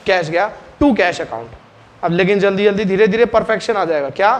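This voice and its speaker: A man teaching a classroom lesson, drilling his students with quick questions and getting them to answer out loud. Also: sits high.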